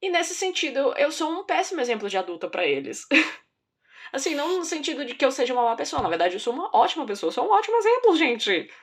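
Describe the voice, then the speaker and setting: A young Brazilian woman who teaches children, telling stories in a casual, lively, self-mocking way with a Brazilian accent. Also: high-pitched, fast. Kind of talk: casual storytelling vlog.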